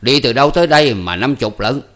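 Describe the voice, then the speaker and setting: A man voicing a fierce middle-aged cafe owner who scolds loudly and bluntly. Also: mid-range voice, lively intonation, quick pace, voice pushed up, natural voice. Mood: scolding. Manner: loud, scolding.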